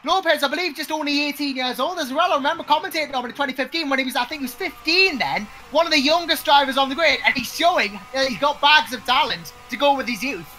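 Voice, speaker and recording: A man's voice: extremely high pitch, fast talker, few pauses, pushed and bright, a little hiss or hum. A man giving conversational live race commentary as a co-commentator, chatty and emphatic, repeating his points. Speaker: motor racing co-commentator.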